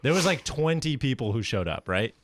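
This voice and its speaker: A man's voice: medium pitch, very animated, fairly quick, background noise. A young man co-hosting a podcast, telling a story in a teasing, laughing way with lots of restarts. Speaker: podcast co-host. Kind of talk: casual chat. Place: podcast studio.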